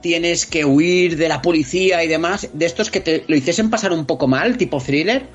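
A podcast guest with a Spain Spanish accent and a husky, highish voice talks at normal speed in a casual chat. An expressive storyteller, he acts out scenes with vivid interjections. The audio is slightly dull and lo-fi, with faint music behind.

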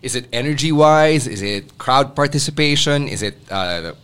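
Male podcast host, mid-pitched voice, curious, probing questions, casual chat. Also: animated, normal speed, a bit bright, clear, resonant tone.

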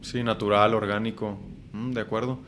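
Man interviewer with faint rumble. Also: flat delivery, moderate pace, fairly bright tone. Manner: brief, agreeing backchannels. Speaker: interview host. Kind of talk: casual interview.

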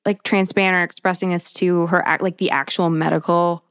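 A woman's voice: lowish voice, flat delivery, fairly quick, a bit bright, smooth. A woman co-hosting a podcast who chimes in with casual reactions. She talks in a loose, conversational way, full of "like" and small restarts. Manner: reactive, conversational, many fillers. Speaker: podcast co-host. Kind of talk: casual chat.

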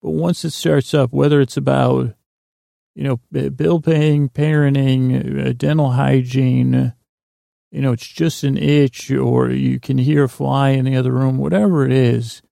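Meant to lull listeners to sleep, this podcast host's bedtime monologue meanders and halts, drifting into digressions as he loses his thread. His voice is gravelly and creaky yet mellow, with a medium pitch. The audio is studio quality with no room sound.

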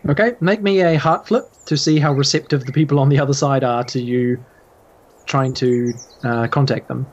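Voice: medium pitch, moderate pace, darkish tone, lo-fi sound. A game master running a tabletop game in a casual, hesitant way, full of ums and likes.

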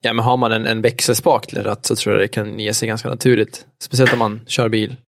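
A man co-hosting a podcast, relaxed and casual, asking the others questions about games. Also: fairly low pitch, noisy background. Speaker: podcast co-host.

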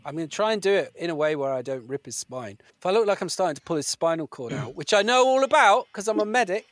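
Animated, high-voiced man player. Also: fast talker, no room sound. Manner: jokey, animated, bursts into laughter. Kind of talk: playing a tabletop game.

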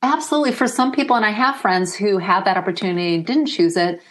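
A middle-aged woman speaking softly and reflectively as an interview guest, emotional as she talks. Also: medium pitch, fast talker. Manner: soft-spoken, reflective, emotional.

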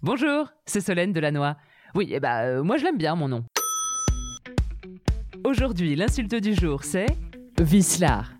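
A woman's voice: on the low side, sing-song, a little slow, pauses often, over loud music. A woman hosting a podcast, delivering a cheeky, self-mocking comic monologue. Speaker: podcast host. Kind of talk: comic monologue about insults.

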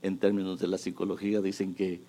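A man preaching a sermon, moving between hushed asides and loud, emphatic bursts. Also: low-pitched, completely flat delivery, fast talker.

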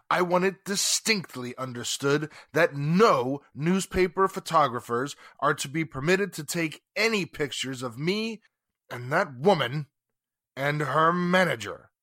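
A man with a slightly high, sharp voice gives a heavily acted performance in clean, echo-free studio sound. In 1940s radio drama style, he plays a haughty, indignant wealthy businessman being questioned by police, pompous, formal and sarcastic.

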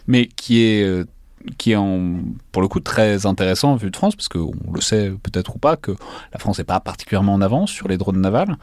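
A man's voice: low-pitched, darkish tone, dry recording. A man hosting an interview podcast, who casually sums up points and hands over questions to guests. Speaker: podcast host. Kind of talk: conversational interviewing.

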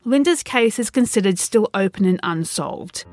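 A woman hosting a podcast, reading a scripted true crime narration in a measured, serious, suspenseful storytelling manner. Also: medium pitch, animated, a little mellow, faint music behind.

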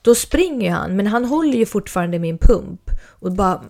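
A young adult woman rambles through casual stories about her own experiences, full of fillers and restarts. Her voice is medium-pitched, animated, dark in tone, and creaky.

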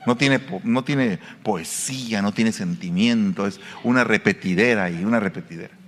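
A man's voice: lowish voice, moderate pace, long reverb tail, slight background noise. A man with a Mexican Spanish accent preaching a sermon in a conversational way, often asking his listeners rhetorical questions. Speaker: pastor.

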